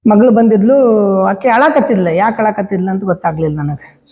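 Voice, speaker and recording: A man's voice: high voice, animated, fairly quick, darkish tone, in a large hall, rough recording. A man teaching a history class in a North Karnataka Kannada accent, chatty and full of rhetorical questions and anecdotes.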